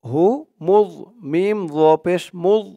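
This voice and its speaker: A man teaching Quran reading, spelling out letters and vowel marks one by one, then chanting the Arabic words in a drawn-out, louder voice. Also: high-pitched, no room sound. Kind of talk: slow spelling-out recitation lesson.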